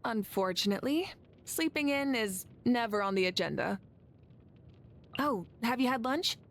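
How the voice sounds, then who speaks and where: An actress voicing a confident, warm young woman who leads a fantasy nation in a video game, speaking in a composed, earnest, articulate way. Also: a little high, animated, moderate pace. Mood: relaxed, friendly. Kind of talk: English video game character voice lines.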